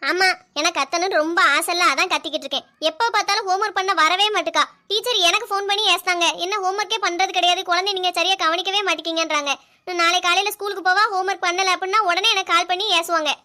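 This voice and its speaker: Woman as a sharp, nagging young mother. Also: extremely high pitch, steady tone, fast. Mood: exasperated. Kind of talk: cartoon voice acting.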